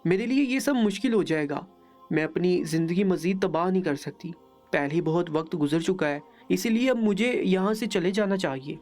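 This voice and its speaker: A woman's voice: lowish voice, darkish tone, soft background music, close to an everyday voice. A woman reading as a bitter, worn-out young wife.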